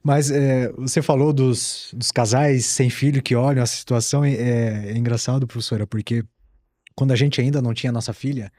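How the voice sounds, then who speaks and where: A man hosting a podcast, telling a personal story in a relaxed, chatty way. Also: medium pitch, brisk, dry recording, studio quality. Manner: relaxed storytelling with fillers and restarts. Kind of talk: casual podcast chat.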